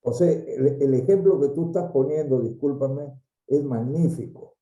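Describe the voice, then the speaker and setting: Mellow-voiced student in a roomy space. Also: male voice, medium pitch, normal speed, muffled recording. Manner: polite, deferential questions. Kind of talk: class discussion.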